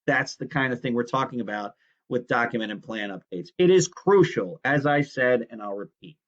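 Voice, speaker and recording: In a muffled recording, a man with a mid-range voice teaches a project management lecture at a moderate pace, animated and conversational. He explains things but frequently stops to correct himself mid-sentence.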